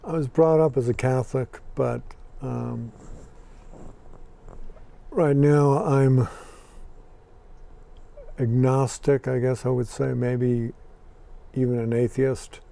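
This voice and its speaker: A man in his sixties, born in Scotland and raised in Ireland and Los Angeles, answers interview questions in a plainspoken, dry manner with an American accent. His mid-range voice has a dark tone and vocal fry, and he speaks slowly with fairly even intonation and long pauses.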